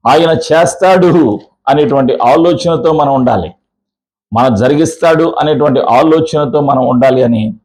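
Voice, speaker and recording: Male preacher, church sermon, mid-pitched, hammers points with questions and drawn-out repetitions. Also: a little mellow, rough recording. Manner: drawn-out slow phrases in series. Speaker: pastor.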